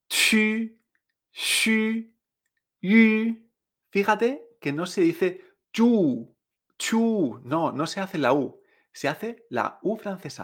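A man teaching Chinese pronunciation, patiently repeating each sound for the listener to drill. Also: a little high. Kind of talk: pronunciation lesson.

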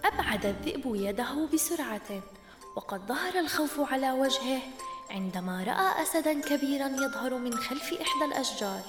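A woman narrating a children's story as host, in a gentle, expressive storytelling manner. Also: sits high, a little fast. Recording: roomy reverb, long echo, soft music bed. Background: faint background music.

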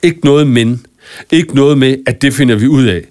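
A man's voice: medium pitch, a little mellow, pitched above the performer's own voice, close to an everyday voice. A man voicing a brave young girl who insists and urges in a raised voice. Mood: urgent. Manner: urgent, insistent.

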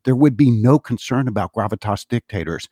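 A man's voice: medium pitch, lively intonation, a little fast, dark tone, breathy edge, dry recording, clean studio sound. A man giving a solo political commentary monologue in an insistent, repetitive, speech-like manner.

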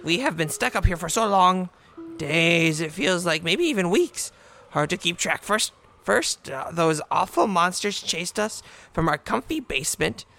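A man voicing a short goblin woman chieftain with a hoarse, bird-like voice, stammering and repeating words. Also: high voice, big pitch swings, measured pace, pushed and bright, exaggerated voice. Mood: anxious.

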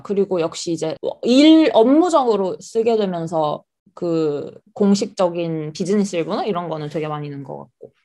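A young woman from South Korea speaks as the guest in a casual interview. Her voice sits at a middle pitch. She explains her points reflectively, in a conversational way. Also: a little mellow.

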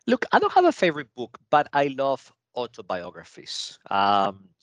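A man's voice: mid-range voice, wildly swooping pitch, moderate pace, no echo. A middle-aged man from Venezuela, a guest on a podcast, answering in an upbeat, positive way. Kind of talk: casual interview chat.

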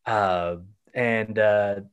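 A man's voice: lowish voice, steady tone, drawn-out words, clear, resonant tone, muffled recording. A man with a Texan accent, co-hosting a casual podcast chat and rambling with lots of fillers and restarts. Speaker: podcast co-host.

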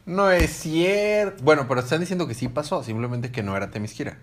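A man chatting casually about comics, excitable and joking. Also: on the high side, fairly quick.

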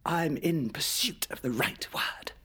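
An actress playing a bitter, unhinged young mother who speaks in hushed, menacing whispers. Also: deep voice, lively intonation, unhurried, exaggerated voice. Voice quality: breathy.

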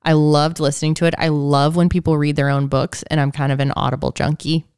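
A woman's voice: sits low, little pitch movement, a little fast, darkish tone, clean tone, no echo, clean studio sound. A woman co-hosting a podcast in casual chat, upbeat and explaining things plainly. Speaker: podcast co-host.

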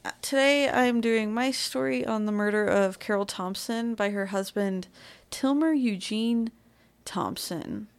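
A woman's voice: mid-range voice, a little slow, clean tone. A young woman co-hosting a podcast, telling a true-crime story in a casual, chatty way, full of fillers. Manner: chatty, filler-heavy, laughs easily. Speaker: podcast co-host.

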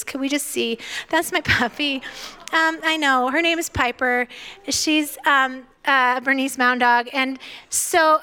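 Middle-aged woman preacher, bright high voice, playful asides, hushed emphasis, reverberant hall. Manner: expressive, playful asides, drops to a hush for emphasis. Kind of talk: sermon.

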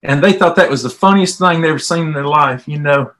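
Fast-talking and fairly high-pitched with a slightly bright tone, this middle-aged Southern US man is a volunteer interview guest. He relates personal stories conversationally, with a folksy flavor.

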